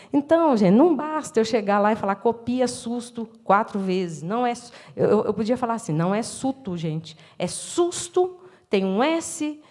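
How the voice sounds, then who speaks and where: A woman's voice: a little high, darkish tone. Brazilian woman lecturing on children's writing. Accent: Brazilian Portuguese. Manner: explanatory, acts out classroom dialogue, frequent tag questions. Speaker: education professor giving a talk. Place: lecture room.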